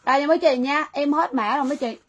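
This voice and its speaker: High-voiced woman selling live. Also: fast, poor audio. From Vietnam. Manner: chatty, repeats phrases to viewers. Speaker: livestream seller. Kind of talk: livestream sales pitch.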